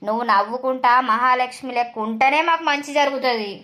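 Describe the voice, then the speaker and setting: A woman's voice: high-pitched, fast talker, a bit bright. Woman voicing a fussing village mother-in-law. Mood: soothing. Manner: pleading, scolding and soothing in a rustic village voice. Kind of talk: animated village drama voice acting.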